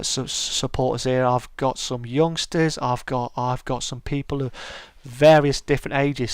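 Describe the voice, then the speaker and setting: Clean studio sound, dry and medium-pitched: a middle-aged man with a soothing, smooth voice is casually chatting with his live-stream audience. He works through their comments, answering each one. Friendly and chatty, he keeps stammering and restarting his sentences.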